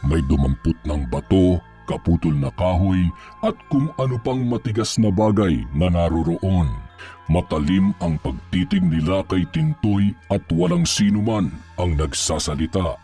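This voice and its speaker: A man narrating a scripted horror story in a measured, suspenseful storytelling manner. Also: deep voice, expressive, warm tone, faint music behind.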